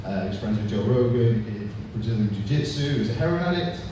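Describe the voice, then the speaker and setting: On a pub stage, a Manchester-accented comedian from England, a man in his thirties, runs through a crude, punchy stand-up set. He speaks quickly and expressively at a medium pitch. The mic picks him up from a distance in a noisy room full of echo.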